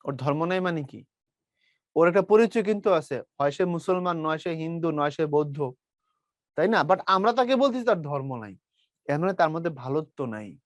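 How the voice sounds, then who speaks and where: A male teacher gives a lively online lesson. His voice sits a little high for a man. He is recorded close and dry, with no room sound. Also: moderate pace, no echo. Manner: chatty, acts out comic quotes, asks and answers own questions.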